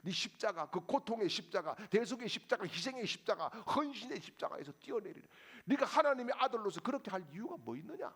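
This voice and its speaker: Animated, gravelly-voiced male preacher. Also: high-pitched, brisk, few pauses. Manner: animated, rhetorical questions to the congregation. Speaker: pastor. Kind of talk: sermon.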